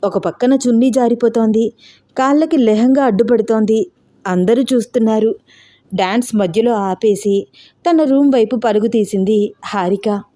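Warm-toned woman storyteller. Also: a little high, moderate pace. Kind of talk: audio story narration.

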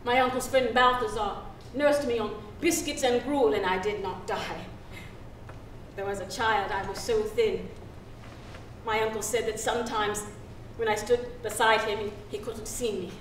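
With a fairly high, steady, natural voice, a middle-aged actress portrays a free young woman describing her birth at sea in a solo dramatic reading. The tone is grave and sorrowful, the delivery measured, halting and deliberate. A distant, roomy stage pickup adds hissy ambience.

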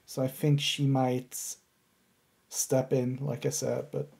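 A man's voice: medium pitch, level tone, slow, creaky, darkish tone, husky. A man in his thirties in a casual co-hosted chat about comics, laid-back and matter-of-fact. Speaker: co-host of a manga reaction show. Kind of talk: casual chat reviewing a manga chapter. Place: room at home, indoors.

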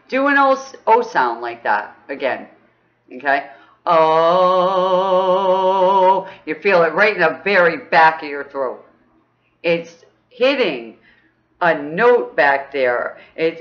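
Bubbly woman leading chakra exercise. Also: highs cut off. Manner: upbeat, chatty, ends phrases with "okay?"; bursts into high whoops. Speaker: spiritual teacher.

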